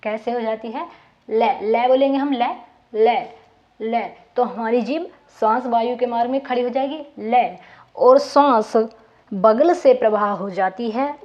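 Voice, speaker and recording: A woman's voice: a little high, darkish tone, muffled recording. A woman teaching a lesson on Hindi consonants, patiently demonstrating each sound and repeating it for her students.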